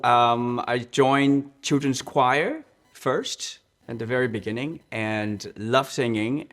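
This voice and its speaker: Earnest and mid-pitched, this Hong Kong man, a church music director, shares personal stories during an interview. His telling halts often with restarts and repeated words, and he slows on what matters most.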